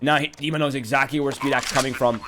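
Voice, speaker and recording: A man calling a video game match play-by-play in an animated, conversational way. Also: mid-range voice, quick pace. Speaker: esports commentator. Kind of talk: live play-by-play commentary. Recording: clearly noisy, gunfire and game sounds behind.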